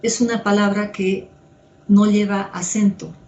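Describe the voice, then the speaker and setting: A woman psychoanalyst giving a measured, step-by-step lecture with occasional fillers. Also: mid-range voice, steady tone, darkish tone, lo-fi sound. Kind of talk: slow didactic lecture. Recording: echoey room.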